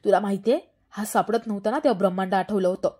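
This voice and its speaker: A woman's voice: mid-range voice, fairly even intonation, warm tone, slightly rough, lightly acted. Woman reading as a stern old grandfather. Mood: scolding. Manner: scolding, exasperated, fast-talking. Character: stern, worried elderly grandfather, strict.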